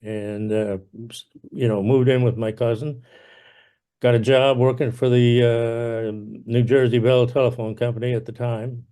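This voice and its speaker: An older man from Ireland, telling his life story in an interview, unhurried, with many fillers and restarts. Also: medium pitch, level tone, warm tone, clear, resonant tone. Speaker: interviewee, veteran. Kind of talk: casual oral history interview.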